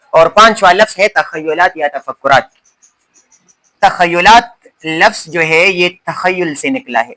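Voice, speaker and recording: A man teaching an Urdu literature lesson in a lecture style. He asks questions and answers them himself, and he repeats key words slowly. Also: fairly high pitch, sharp tone, rough recording.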